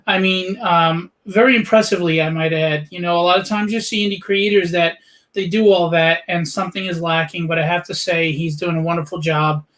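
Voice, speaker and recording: A man's voice: high voice, fairly even intonation, brisk, a bit bright, rough recording. A man in his late forties hosting a casual interview chat, chatty and joking. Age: 40s. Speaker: podcast host.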